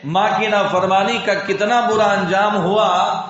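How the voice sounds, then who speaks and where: A man's voice: steady tone, a bit bright. A man preaching a weekly sermon, telling a cautionary story and urging his listeners as his brothers to honor their parents. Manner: storytelling, rising high for the pleading mother and dropping low for asides. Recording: very echoey, dull lo-fi sound.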